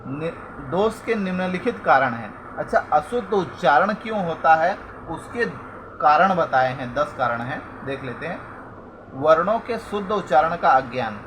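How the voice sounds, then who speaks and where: Man reading lecture notes over background noise. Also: a little high. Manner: reads from notes in a measured, listing way, with restarts and self-corrections. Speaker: teacher. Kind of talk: reading lecture notes for teacher-training students.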